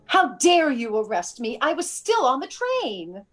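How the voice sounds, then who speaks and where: Very animated, indignant high-voiced woman , acted by a woman. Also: measured pace, soft background music, full character voice. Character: indignant accused woman, highly strung. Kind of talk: old-time radio mystery acting.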